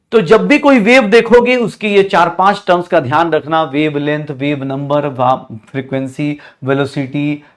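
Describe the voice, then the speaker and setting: A man giving an online chemistry lecture, mixing English terms into Hindi, calling students beta and bhaiya, and repeating each question to the class before he answers it. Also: a little high. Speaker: chemistry teacher.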